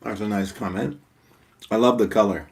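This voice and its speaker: A man co-hosting a mukbang, chatting casually and answering viewer questions over a meal, with hesitant pauses. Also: on the low side, fairly even intonation, creaky. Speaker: mukbang co-host.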